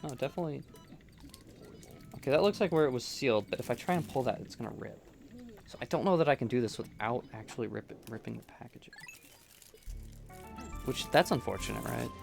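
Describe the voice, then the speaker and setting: A man talks through a chill game session in a rambling, self-correcting way, close to his microphone. His voice has a gravelly, fry-edged texture, and his pitch swings about lively. Soft music sits faintly behind him. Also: a little fast, long pauses. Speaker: gameplay streamer. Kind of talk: relaxed gameplay commentary. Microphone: close desk microphone.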